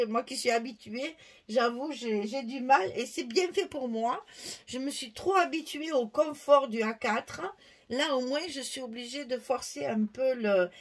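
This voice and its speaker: A woman hosting a casual scrapbooking tutorial, chatty and lively as she explains her page. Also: on the high side.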